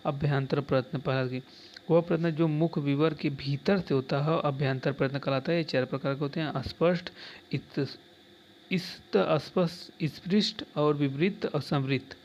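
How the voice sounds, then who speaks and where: Monotone male teacher, dull recording. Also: mid-range voice, moderate pace. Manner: explains step by step, repeats terms, keeps saying "dekhiye". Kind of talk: exam-prep lecture, reading out answers. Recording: slightly dull lo-fi recording with faint background noise.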